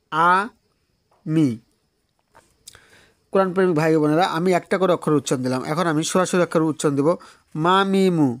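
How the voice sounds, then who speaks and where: A man with a somewhat high voice teaches beginners to read the Quran. He repeats each letter sound slowly and patiently, drilling them over and over. The recording is close and dry, with almost no room sound. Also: no echo. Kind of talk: beginner Quran reading lesson.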